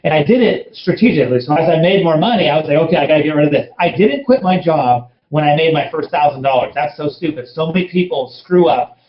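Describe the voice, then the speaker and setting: A man's voice: fairly high pitch, lively intonation, fast, few pauses. A man telling his network marketing story in an interview, blunt and emphatic, speaking from home. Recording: roomy, dull lo-fi sound.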